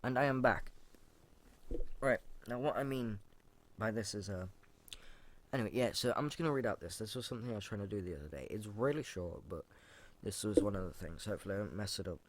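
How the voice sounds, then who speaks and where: A man's voice: on the low side, expressive, brisk, long pauses. A man hosting a casual solo podcast, rambling informally with fillers, restarts and casual swearing, and reading out his own rap lyrics. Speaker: podcast host.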